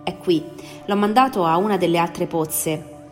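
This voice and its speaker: An eager, anxious male engineer, voiced by a woman reading aloud. The tone sits a little low with a long reverb and faint music in the background. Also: a little slow, lightly acted.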